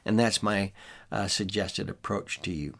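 Older man with a low-pitched voice, teaching earnestly. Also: measured pace, creaky, fairly bright tone. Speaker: preacher and ministry leader. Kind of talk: informal teaching talk.

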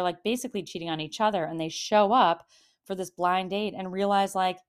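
A woman nearly fifty talking casually about dating in a rambling, chatty monologue, full of fillers and laughs. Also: lowish voice. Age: 40s. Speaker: podcast host.

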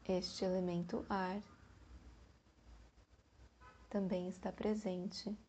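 Brazilian lady doing guided meditation, super slow soothing breathy voice, mellow tone, some background noise. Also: on the low side, little pitch movement.

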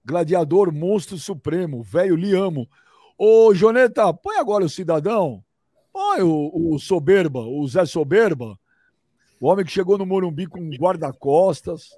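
Excitable male host, dry sound. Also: sits high, a little slow, no room sound. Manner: excitable, hyping up. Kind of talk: casual panel banter.

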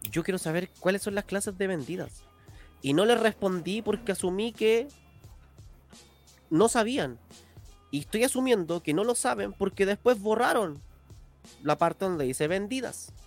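Emphatic man, higher voice. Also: expressive, moderate pace, long pauses, soft background music. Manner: indignant, emphatic complaint. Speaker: podcast co-host. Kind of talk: casual podcast chat.

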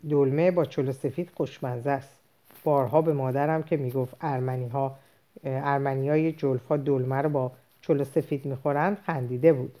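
A woman's voice: very deep voice, fairly even intonation, dark tone, voice pushed down. A woman reading the part of an easygoing middle-aged husband who teases as he praises dinner. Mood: teasing.

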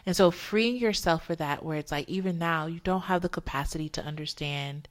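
A woman's voice: deep voice, brisk. A woman co-hosting a podcast, reflective and heartfelt in casual conversation. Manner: reflective, heartfelt, speaks of faith. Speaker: podcast co-host.

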